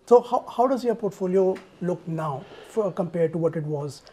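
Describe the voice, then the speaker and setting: A man's voice: sits high, animated, normal speed, dark tone. A man asking and commenting as an interviewer in casual conversation, mixing in some Hindi.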